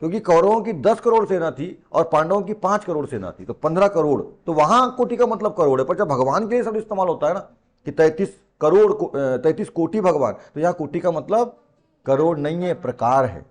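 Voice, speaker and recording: A man's voice: a little high, animated, a little fast. A man from teaching a lesson in a classroom, colloquial and teasing, who repeats key words and throws rhetorical questions at his students. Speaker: coaching teacher. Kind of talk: classroom lecture.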